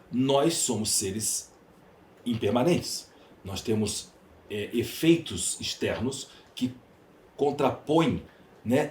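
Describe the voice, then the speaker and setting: A podcast guest with a Brazilian accent, this man has a mid-range, slightly mellow voice. He answers conversationally and with emphasis, repeating phrases for stress, while the recording carries a roomy echo and clear background noise.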